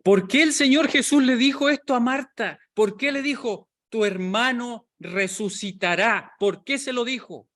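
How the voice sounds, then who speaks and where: Guy preaching to a small group, pretty high voice, lots of questions thrown at the room, acts out the quotes. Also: unhurried, few pauses, fairly bright tone.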